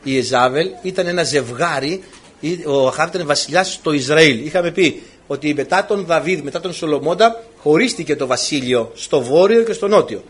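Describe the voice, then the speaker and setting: A man's voice: fairly high pitch, slightly rough. A man preaching a sermon, retelling old stories with animation and acting out the lines of the people in them.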